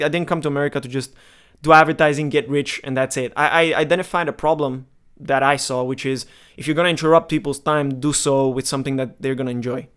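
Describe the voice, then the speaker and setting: A man in his twenties, originally from Romania, talks straight to the camera in a frank, emphatic way. His voice sits a little high and sounds smooth and clear. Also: a bit bright. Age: 20s. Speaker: marketing vlogger. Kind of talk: casual direct-to-camera monologue.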